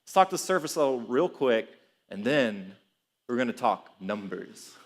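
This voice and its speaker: A young adult man preaching a sermon in a casual, animated way, chuckling as he tells stories. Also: mid-range voice, a little slow.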